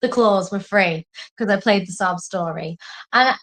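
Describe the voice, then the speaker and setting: A woman co-hosting a casual chat tells rambling, animated stories, poking fun at herself and swearing now and then. She has lived in Singapore and comes from an English family, and her mid-range voice is unhurried.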